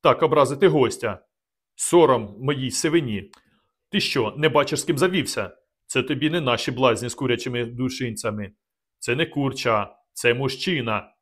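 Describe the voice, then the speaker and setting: A man reading an audiobook, voicing a hot-tempered old country squire who scolds loudly. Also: normal speed, lightly acted. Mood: scolding. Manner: booming, scolding.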